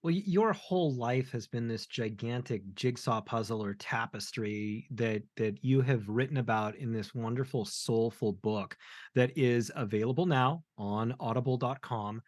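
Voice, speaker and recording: A man's voice: medium pitch, normal speed, a little mellow, no room sound, studio quality. A man hosting a podcast interview, asking questions admiringly and stumbling over his first words. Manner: admiring, repeats words when starting. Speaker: podcast host.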